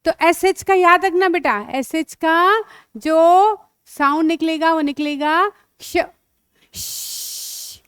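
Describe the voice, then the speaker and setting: Slow high-voiced Indian woman teaching phonics. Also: fairly bright tone, no room sound, clean studio sound. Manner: sounds out words letter by letter, calls listeners "beta". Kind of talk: phonics lesson for young children.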